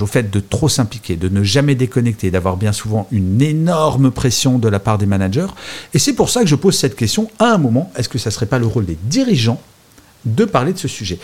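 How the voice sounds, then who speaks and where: A man's voice: mid-range voice, darkish tone, husky. A man hosting a live show, chatty and self-mocking, often correcting himself mid-sentence. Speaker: host.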